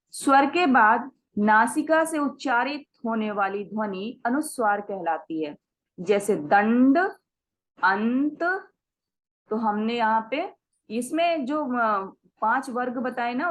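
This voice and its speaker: A woman teacher with a slightly high voice takes her class through a grammar lesson one step at a time. She sounds out each example word slowly, drops English words into her Hindi and checks in with the students every few sentences. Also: poor audio. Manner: explains step by step, checks in with "है ना" and "ठीक है". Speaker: Sanskrit teacher.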